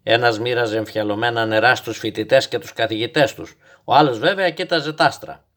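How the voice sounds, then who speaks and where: A man voicing a fanciful, stubborn old grandfather who calmly tells a child tall tales in a storybook reading. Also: medium pitch, natural voice. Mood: patient. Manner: calm, gently instructive, tall-tale telling.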